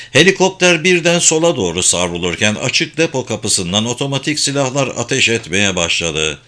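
Bright-toned male audiobook narrator. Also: on the low side. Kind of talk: scripted narration.

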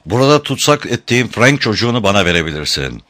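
A man reading the part of a furious, grieving young swordsman who shouts urgent threats, in a higher, louder voice than his narration. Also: sing-song, fast. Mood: menacing.

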